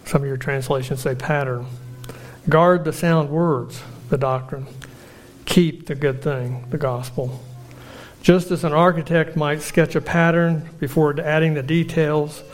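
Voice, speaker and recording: A man preaching a sermon in an earnest, measured way, slowing down for emphatic lists. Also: a little high, steady tone.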